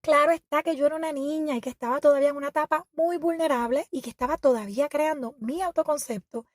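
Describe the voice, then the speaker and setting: A woman hosting an educational podcast, reading a scripted narration in a measured, reflective and explanatory way. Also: high voice, darkish tone, no echo, studio quality. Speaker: podcast host.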